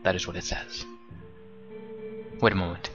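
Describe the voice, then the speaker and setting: A man's voice: deep voice, flat delivery, normal speed, muffled recording, over music, pitched below the performer's own voice, natural voice. A man doing a bookish scholar in a British accent. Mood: curious. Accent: put-on British. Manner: formal, polite, eager. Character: polite, bookish young male scholar.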